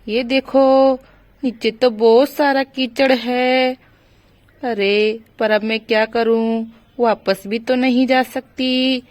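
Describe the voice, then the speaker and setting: Brief: a woman doing a worried pregnant young aunt, high slow plea, dry close sound, doll story. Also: smooth, no echo. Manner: anxious, pleading. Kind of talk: doll story role-play.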